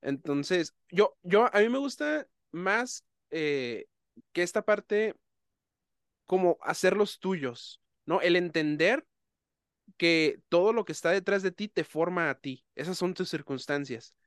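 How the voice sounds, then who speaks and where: A man with a slightly raised pitch hosts a relaxed conversation. He is thoughtful and careful when he explains an idea. His voice is recorded dry and close, with little room sound. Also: takes it slowly, clean tone, dry recording. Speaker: host. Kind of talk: casual conversation.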